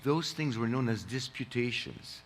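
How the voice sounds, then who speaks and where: A man speaking at a conference, telling a long joke with lively swings and frequent restarts. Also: medium pitch, measured pace. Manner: animated storyteller, frequent restarts. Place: large conference hall. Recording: echoey conference hall.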